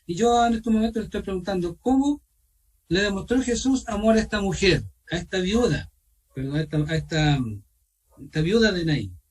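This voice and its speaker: A man with a Chilean accent teaching an online Bible study, asking his listeners questions and pausing with fillers. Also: sits high, animated, recorded from a distance, low-quality recording. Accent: Chilean Spanish. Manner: asks questions of the group, repeats himself, pauses with fillers. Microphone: video call.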